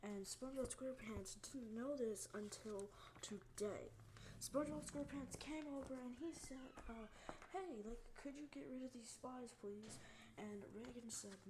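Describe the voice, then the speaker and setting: A woman playing a news anchor in a make-believe broadcast, rambling through her story with lots of "basically" and "um" fillers. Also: on the high side. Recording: noisy background.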